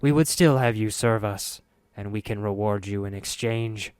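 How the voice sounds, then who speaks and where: A man voicing a cold, unapologetic rat hive mind that speaks with a measured, commanding tone. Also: fairly low pitch, darkish tone, clean tone, dry recording, clean studio sound, natural voice.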